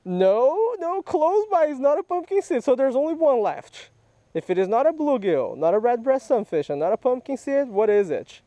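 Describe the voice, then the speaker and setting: Here a fishing vlogger chats casually as he patiently coaches and quizzes a child by a little park creek. He has a very high, dark-toned voice, very animated, at a moderate pace. There's no echo on the head-mounted action camera audio.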